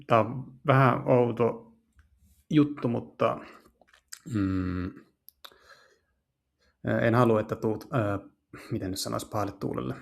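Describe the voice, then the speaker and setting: A gaming channel host with a mid-range, gravelly, fairly even-toned voice casually translates a visual novel aloud, taking long pauses as he searches for words. Music plays in the background.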